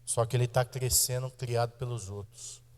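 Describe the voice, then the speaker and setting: A Brazilian man in his thirties preaching a sermon in a church, his mid-pitched voice carrying a long reverb tail from the hall. He talks straight to the congregation, pressing points hard, stretching some phrases slowly and rushing others. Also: fairly even intonation, a little mellow. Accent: Brazilian Portuguese. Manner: emphatic preaching with shifts of pace, direct address to the congregation. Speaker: pastor. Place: church sanctuary.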